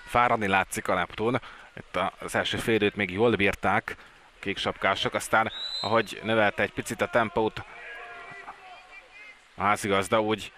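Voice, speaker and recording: A man doing live water polo commentary as a sports commentator, with an excited delivery that rises at key plays. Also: on the low side, long pauses.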